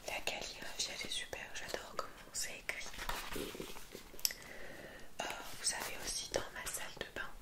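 A young adult woman doing an ASMR show-and-tell in a soft, library-like whisper, with hesitant pauses between short phrases. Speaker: ASMR video creator. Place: small room at home, indoors.

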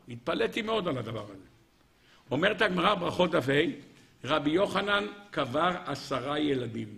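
A man, a rabbi giving a Torah lesson, retelling Talmud stories with repetition and sudden emphatic high cries, talking straight to his listeners. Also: gravelly, a bit bright. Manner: dramatic storyteller, repeats phrases, leaps to high emphatic cries; addresses listeners directly. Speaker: rabbi teaching a weekly lesson.

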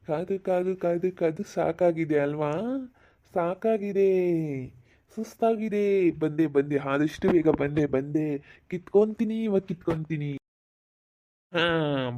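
A man's voice: a little high, muffled recording, lightly acted. A man from playing a boastful male night thief who coaxes and drawls his words in a singsong way. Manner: singsong, coaxing, drawn-out. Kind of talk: village skit acting.

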